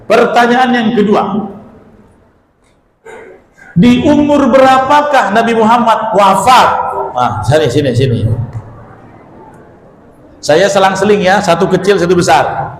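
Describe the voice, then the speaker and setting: A man's voice: sits high, expressive, slow pace, pauses often, a little hiss or hum. A man preaching, running a joking quiz with the congregation and teasing and calling out to the crowd in a mosque hall. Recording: echoey hall, faint room ambience.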